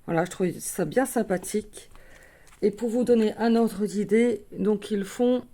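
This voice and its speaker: In this casual show-and-tell, a woman presents her craft haul to viewers, chatting along with lots of fillers and little self-corrections. Her voice sits at a medium pitch with a dark tone, and she never hurries.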